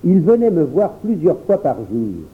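A man giving an expressive first-person storybook narration as an audiobook reader. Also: fairly high pitch, measured pace. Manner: expressive, lively reading. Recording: tinny phone-like sound.

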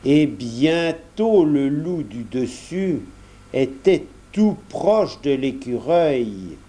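A man tells a children's fable slowly, with lively rises and falls in his voice. His tone is warm and dark. He stops now and then to speak directly to the young listener and explain things. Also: fairly high pitch. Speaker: storyteller. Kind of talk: children's story reading.

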